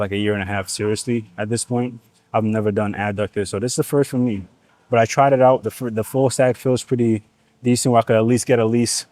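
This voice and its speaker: In his gym vlog, a Nigerian man who grew up speaking Igbo chats loosely, peppering his talk with slang, profanity and rambling tangents. He has a lowish, darkish voice with no room sound.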